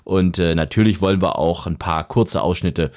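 A man hosting a podcast, talking in a casual, lively and self-deprecating way as he introduces his guest. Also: low voice, normal speed. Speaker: podcast host. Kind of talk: casual interview.

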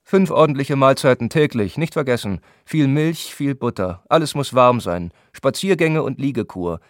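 A man voicing a brusque, impatient spa doctor who talks down to his patient in a gruff, scolding way. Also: mid-range voice, animated, moderate pace, dry recording, studio quality, voice pushed up, close to an everyday voice. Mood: lecturing.

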